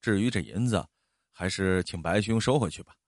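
A man's voice: low voice, lively intonation, fairly quick, no room sound, clean studio sound, voice pushed down. A man voicing a proud, down-on-his-luck man who speaks sulkily in cold, clipped phrases. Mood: embarrassed. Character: prideful down-on-luck man, touchy.

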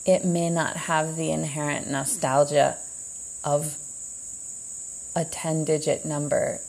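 Slow gravelly woman musing aloud. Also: low voice, level tone, a little mellow, poor audio. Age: adult, heard as a child in the 80s. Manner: meandering, introspective, slow with long pauses. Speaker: podcast host. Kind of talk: slow reflective monologue.

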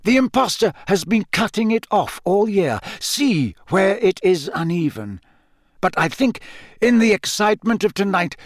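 A calm, wise old headmaster speaks gently and deliberately, as a man puts him on in an audiobook. His tone sits somewhat above the reader's own, lifted and patient, in a close and dry recording. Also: high-pitched, no room sound, pitched above the performer's own voice, full character voice. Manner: measured, explanatory, soft-spoken. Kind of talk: audiobook character voice.

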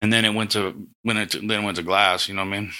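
Middle-aged male storyteller, lowish but very sharp, forceful voice, rambling, profane, slangy. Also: steady tone, fast. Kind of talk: casual storytelling chat.

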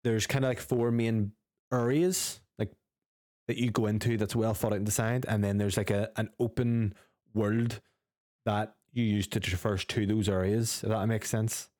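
A man's voice: fairly low pitch, little pitch movement, normal speed, darkish tone, no echo, studio quality. A man co-hosting a gaming podcast who chats casually, gives strong opinions, swears freely and reads out news items. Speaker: podcast co-host.

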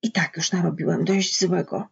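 A woman voicing a big, simple-minded man who pleads in a childlike, panicky way, with a husky voice. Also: fairly low pitch, fairly even intonation, normal speed, exaggerated voice. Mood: subdued. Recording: dull lo-fi recording.

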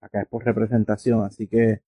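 A man's voice: fairly low pitch, little pitch movement, a little fast, husky, dry recording. A man from Puerto Rico with a Puerto Rican Spanish accent, an interview guest talking in a casual, earnest, explanatory way and thinking aloud. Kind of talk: casual conversation. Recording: dry, slightly muffled recording.

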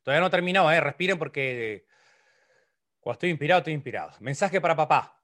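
A middle-aged man with a Uruguayan Spanish accent leads an online motivational talk with humor, speaking in a slightly high voice. He is playful and lively, sometimes putting on loud, high complaining voices and then dropping to soft, near-whispered lines. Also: quick pace. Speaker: psychologist giving an online talk.

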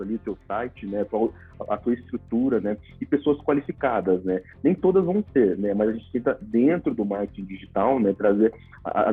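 A Brazilian paid traffic manager appears as a podcast guest, explaining things informally and tossing in plenty of tag questions. His voice is fairly low with a breathy edge, heard through phone-quality sound.

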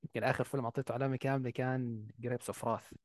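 A man with a Levantine Arabic accent talks films in a casual discussion. His delivery is extremely fast and the sound is dry and close. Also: mid-range voice, fairly even intonation, dry recording. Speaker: film podcast panelist.

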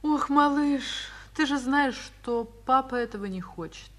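A woman's voice: high-pitched, a little slow, fairly bright tone. A woman playing a patient, affectionate mother in a 1950s Soviet radio play, tender and indulgent with her young son. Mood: tender, regretful. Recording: 1950s radio drama recording.

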